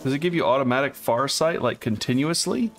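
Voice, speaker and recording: A man with a medium-pitched, brisk voice co-hosts a let's play, chatting casually and reading item stats aloud as he plays. Faint game music runs in the background.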